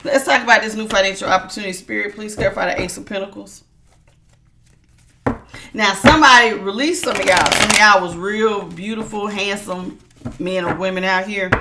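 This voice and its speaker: Against a noisy background, a mid-range-voiced woman offers a casual tarot reading to her viewers. Her voice is strong and projecting, and she talks emphatically and authoritatively, repeating phrases for stress.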